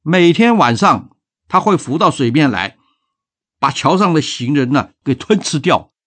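A man's voice: fairly high pitch, a little slow, exaggerated voice. A man voicing a timid, frightened old village man in a told folk tale. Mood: grave. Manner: lively storyteller's voice for a fearful elder.

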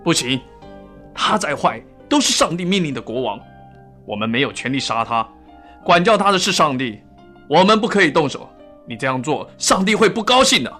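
Man acting a bright, animated righteous hero. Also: on the high side, normal speed, faint music behind. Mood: firm, urgent. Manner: earnest, emphatic admonishing. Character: principled, pious young male hero, firmly forbidding. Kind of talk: children's audio story acting.

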